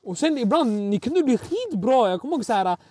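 A young man, telling stories in a casual chat, slangy and animated. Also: extremely high pitch, dry recording. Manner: slangy, animated, many fillers, acts out voices. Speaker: podcast co-host, storyteller.

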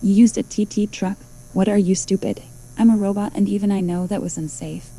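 A woman voicing a calm, formal female robot that can turn blunt and sarcastic. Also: mid-range voice, a little fast, slightly rough, close to an everyday voice. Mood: scolding. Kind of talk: audio drama acting.

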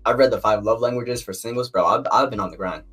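A young man co-hosting a podcast, telling stories in a stumbling, animated way. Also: on the low side, fast talker, slightly rough, soft background music. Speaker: podcast co-host. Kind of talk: casual chat. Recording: distant from the mic.

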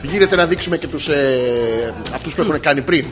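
A man co-hosting a comedy podcast, bantering in a mock-vain, teasing way with swearing and bursts of laughter. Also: fairly high pitch. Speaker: podcast co-host.

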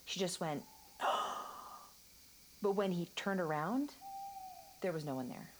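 A young woman recounting a ghost story around a campfire. Her voice is rather low, and she tells the story in an earnest, storytelling manner. This is film drama dialogue. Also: slow pace, slight background noise, poor audio.

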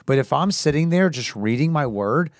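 A man's voice: a little high, expressive, normal speed, dry recording. Earnest man in his forties, dry sound. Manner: earnest, warm encouragement with many "yeah"s. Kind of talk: faith-based casual chat.

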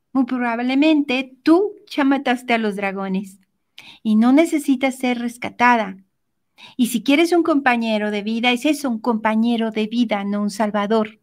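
A woman giving a motivational self-help talk, speaking gently and directly to the listener. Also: fairly high pitch.

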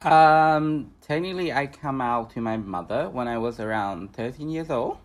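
A man's voice: mid-range voice, lively intonation, normal speed. A young man from Vietnam who performs drag, speaking as a guest in casual chat, joking and loose with lots of fillers.

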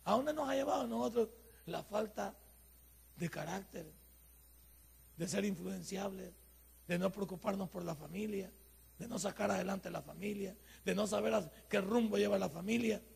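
Male pastor, high raspy voice, folksy preacher who acts out little dialogues. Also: moderate pace, a little mellow. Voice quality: gravelly, raspy. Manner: folksy preaching with acted-out quotes and rhetorical questions. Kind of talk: sermon.

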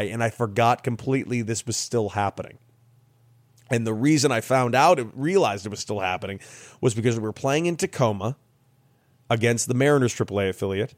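A young man spins a funny story in a lively, chatty way, laughing and acting out other people's lines as he goes. His voice sits at an ordinary middle pitch, and the sound is dry and close, with no room echo. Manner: lively, laughing storyteller who acts out quotes. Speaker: guest, professional baseball player. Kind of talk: casual storytelling.

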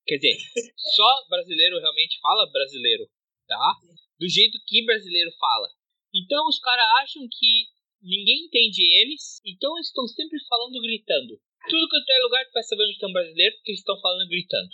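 A blunt woman co-host chatting on a podcast, mocking freely and swearing often. Her voice is very bright and cutting. The recording is dry and slightly muffled. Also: medium pitch, big pitch swings, brisk, dry recording. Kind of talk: casual podcast chat.

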